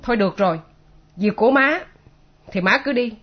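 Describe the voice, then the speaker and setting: Actress as a sharp, curt young wife, high voice, lo-fi. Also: female voice, animated, fairly quick, music in the background, lightly acted. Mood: bitter. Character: bitter, headstrong young wife. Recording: dull lo-fi recording.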